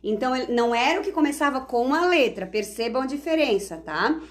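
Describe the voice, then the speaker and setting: A woman teacher speaks to other educators in a live online session, and her voice sits a little high. She explains patiently and keeps checking in with short tag questions. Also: lively intonation, brisk. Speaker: literacy teacher.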